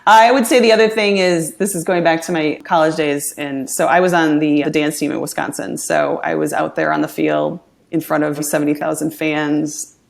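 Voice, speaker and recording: Low, gravelly-voiced middle-aged woman. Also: steady tone, normal speed, hardly any pauses. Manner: upbeat, laughs often, chatty storyteller. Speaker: podcast guest. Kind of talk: casual interview chat.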